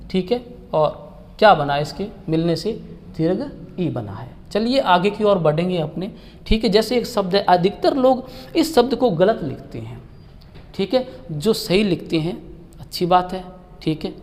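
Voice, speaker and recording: A man's voice: sits high, a little mellow, in a large hall. A man teaching Hindi grammar in an online exam-prep class, asking questions and answering them himself, with "ठीक है" after almost every point.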